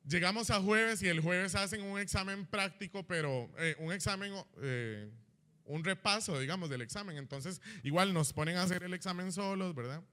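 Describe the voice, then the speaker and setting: A young man telling his personal testimony in church as an animated storyteller who keeps asking "¿verdad?". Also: sits high, normal speed. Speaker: church member giving a testimony. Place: church hall.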